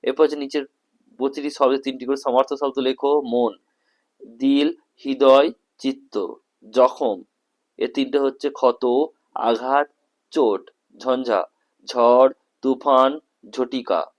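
A male tutor with a West Bengal Bengali accent reads exam answers aloud in slow, halting phrases, stressing each word as he lists them. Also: mid-range voice, steady tone. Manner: slow, halting, breaks sentences into short phrases; lists words one by one with stress.

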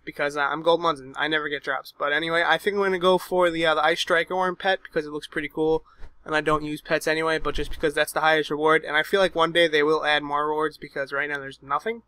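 Young guy with a bright kinda high voice, swearing through his game commentary, dry close desk mic. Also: steady tone, fast, no echo. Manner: loose, swearing a lot, frustrated asides. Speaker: gaming video host. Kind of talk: casual gameplay commentary. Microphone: desk microphone.

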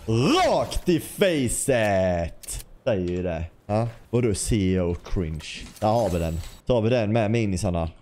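A man's voice: sits low, few pauses, dark tone, a little hiss or hum. A man giving casual gameplay commentary as a gaming YouTuber, chatty, swearing lightly and talking straight to his viewers. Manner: bursts into playful scatting and sound effects.

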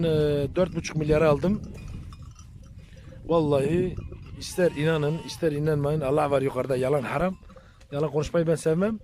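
Chatty shepherd man vlogging outdoors. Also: on the high side. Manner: chatty, addresses viewers as friends, calls loudly to animals. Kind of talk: casual outdoor vlog while herding. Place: outdoors in open countryside with sheep and goats. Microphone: handheld phone.

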